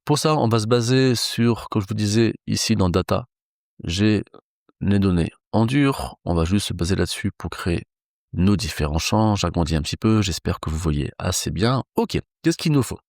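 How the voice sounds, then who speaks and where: A man's voice: lowish voice, normal speed, gravelly, darkish tone, no room sound, clean studio sound. A man teaching a live coding lesson, thinking aloud in a casual way with frequent fillers. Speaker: programming instructor.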